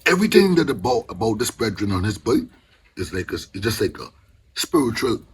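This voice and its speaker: A man's voice: fairly low pitch, very animated, brisk, a little hiss or hum. An older man from the Bahamas with a Caribbean accent, reasoning informally and with passion in Rasta speech with patois phrasing. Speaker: Rastafarian elder.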